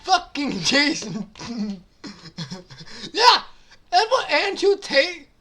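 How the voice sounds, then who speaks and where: Woman, casual reaction commentary, higher-pitched voice, lively up-and-down delivery, giggly, crude, swears a lot, keeps apologizing. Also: slow. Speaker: channel host reading forum posts.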